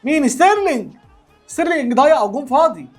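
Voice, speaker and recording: A man's voice: very high-pitched, fast, faint music behind. A man with an Egyptian accent hosting a football reaction video, exclaiming and repeating himself as he reacts to clips. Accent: Egyptian Arabic. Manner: animated, exclaiming, repeats words. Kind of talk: excited reaction commentary.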